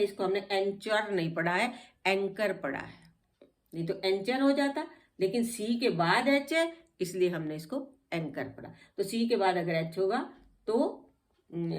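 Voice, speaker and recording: A woman teaching English spelling rules, patiently spelling out each word letter by letter. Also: mid-range voice. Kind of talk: spelling lesson explained in Hindi.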